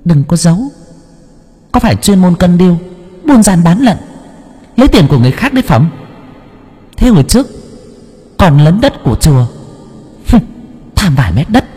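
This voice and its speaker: A man's voice: sits high, very animated, moderate pace, long pauses, dark tone, breathy edge, big-room sound, voice pushed up, heavily acted. A man voicing a stern possessed spirit medium who scolds and lectures the people who come to ask questions, in an audiobook. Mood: stern scolding. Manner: scolding, commanding. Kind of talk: audiobook character voice.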